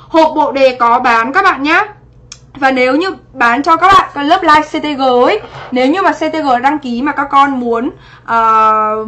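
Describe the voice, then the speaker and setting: A woman's voice: sits high, a bit bright. A woman teacher running a livestream exam review, greeting viewers by name and checking after each point whether they follow. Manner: chatty, asks for confirmation after each point. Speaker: English teacher.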